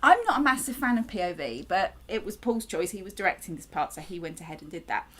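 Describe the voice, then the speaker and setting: A woman's voice: fairly low pitch, big pitch swings, fast talker, fairly bright tone. A woman chatting casually in an enthusiastic, emphatic way as a writer and director giving commentary.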